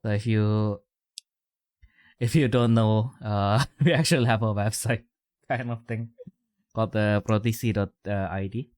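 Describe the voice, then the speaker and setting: A man's voice: fairly low pitch, fairly even intonation, a little slow, long pauses, darkish tone, dry recording, studio quality. An Indonesian-accented man, casual podcast chat. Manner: rambling, many fillers and restarts, chuckles often. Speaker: podcast co-host.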